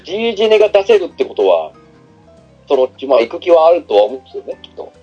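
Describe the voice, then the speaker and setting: A man in a measured, agreeable casual chat about video games. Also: fairly high pitch, sing-song, mellow, slightly rough, lo-fi sound, faint music behind. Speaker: podcast guest.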